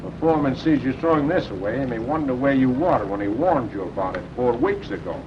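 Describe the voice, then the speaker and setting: A man's voice: mid-range voice, expressive, muffled recording, close to an everyday voice. Man playing stern resistance worker, noisy film soundtrack. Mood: admonishing. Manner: admonishing, deliberate. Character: stern, world-weary resistance worker mentoring a rash comrade. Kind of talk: 1940s film acting.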